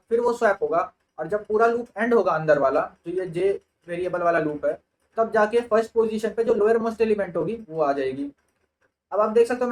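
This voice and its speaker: A man's voice: high voice, low-quality recording. A young man with an Indian accent teaching sorting algorithms, explaining each step and thinking aloud as he goes. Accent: Indian English. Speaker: computer science tutor. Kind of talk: lecture on sorting in Hindi-English mix.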